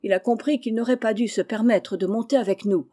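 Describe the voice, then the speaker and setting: A woman's voice: on the high side, a little fast, warm tone, lightly acted. A woman reading as a haughty, spoiled young girl. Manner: haughty, whiny, petulant. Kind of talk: audiobook character reading.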